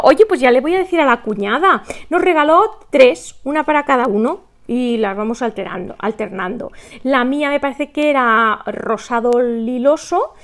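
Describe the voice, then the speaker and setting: A middle-aged woman, hosting a crochet channel, chatting casually, reading viewer comments aloud and counting stitches between laughs. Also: high voice. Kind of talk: casual chat while crocheting.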